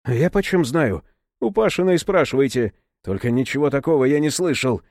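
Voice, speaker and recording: A man voicing a hot-tempered brawny sauna instructor who shouts, curses and talks back. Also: mid-range voice, expressive, fairly quick, dry recording, studio quality, lightly acted. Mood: defiant. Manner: shouting, cursing, defiant.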